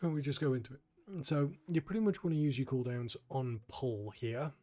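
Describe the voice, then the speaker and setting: A young man commentating over his own gameplay footage in a relaxed, explanatory tone, sounding a little tired. His pitch is mid-range for a man. Faint game music plays behind him. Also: normal speed. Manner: relaxed, explanatory, frequent ums. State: tired, yawning. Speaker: gaming channel host. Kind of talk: casual gameplay guide commentary.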